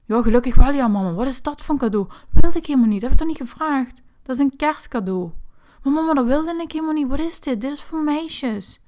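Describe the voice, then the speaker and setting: A woman voicing a curious, mischievous young boy in a toy figure play video, excitable and whining. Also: high voice, a little fast, close to an everyday voice.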